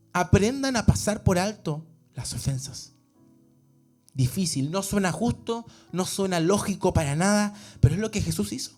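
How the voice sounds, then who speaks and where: A man with a Chilean accent preaching an earnest, conversational sermon in a church, often acting out the voices of the people he quotes. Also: sits high. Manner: earnest, acts out quoted voices, restarts words.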